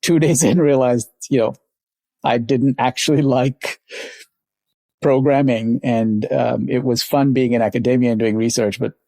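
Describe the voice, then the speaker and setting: Speaking unhurriedly in a steady, gravelly yet mellow mid-range voice, this Sri Lankan founder, middle-aged, wanders through his life story for an interviewer. He's reflective and prone to little laughs, and the recording is dry.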